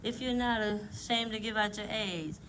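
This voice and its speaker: A woman's voice: mid-range voice, normal speed, crowd noise, poor audio. A woman hosting a talk show, chatting easily with her guests. Her grammar is folksy and informal, and her tone is casual.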